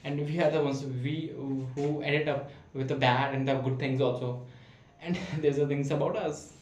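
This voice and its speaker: A man's voice: mid-range voice, fairly even intonation, moderate pace, darkish tone, a little hiss or hum. Hesitant man talking to camera, echoey room. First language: not English. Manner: hesitant, many fillers and restarts. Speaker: vlogger practicing speaking. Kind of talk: casual self-recorded monologue. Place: room at home. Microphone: camera in front of him.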